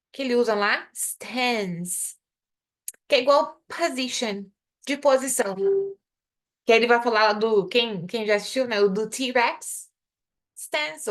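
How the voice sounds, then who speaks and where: A woman's voice: a little high, a bit bright. Brazilian woman teaching English live. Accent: Brazilian Portuguese. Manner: explains in Portuguese, drilling English example phrases slowly. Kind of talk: live online English lesson.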